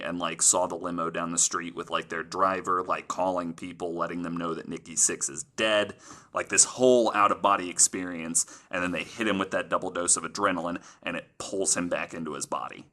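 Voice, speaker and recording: Delivering researched stories on his podcast, this host speaks fairly quickly in a low-pitched, flat voice that sounds pushed and bright. He adds casual asides and says "like" a lot.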